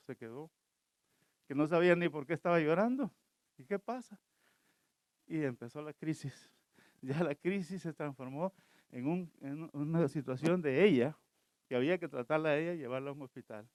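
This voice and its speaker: A man, a pastor, speaking haltingly to his congregation, correcting himself as he goes. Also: medium pitch, a little mellow, no echo. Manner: halting, with restarts and self-corrections. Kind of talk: church address.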